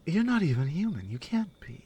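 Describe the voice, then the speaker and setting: Playing a strong, skeptical Nordic warrior companion in a soft, intimate ASMR roleplay, a woman speaks with a deep, sing-song voice that has a breathy edge and is heavily acted. She muses with pauses and murmured asides, wry but concerned.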